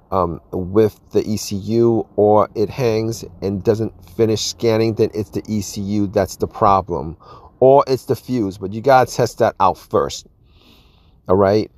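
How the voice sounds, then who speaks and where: Man, low voice, dry close sound, casual car repair how-to, rambling. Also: a little mellow, no echo. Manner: rambling, repeats words, says "all right" and "you guys" often. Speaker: car repair video host. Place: outdoors at an open car engine bay.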